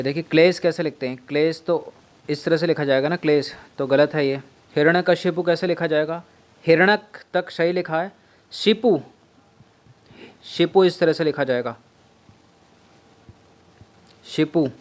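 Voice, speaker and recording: A man leads an exam-prep spelling lesson in a voice a little higher than most. He says each word several times and asks his students how it is written. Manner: drills words by repeating them, asks students questions. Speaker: teacher.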